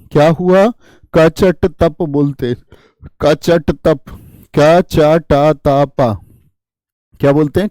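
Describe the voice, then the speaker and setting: A man's voice: fairly high pitch, warm tone, no room sound. Dry-voiced man teaching a class. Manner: asks the class questions and repeats answers; uses memory tricks and jokes. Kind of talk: classroom lesson.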